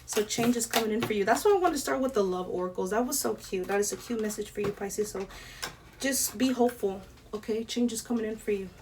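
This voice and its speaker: A young woman does a casual tarot reading to camera, chatting fast in a mid-range voice, laughing often and swearing lightly. She's recorded from a distance, with air conditioner noise in the background.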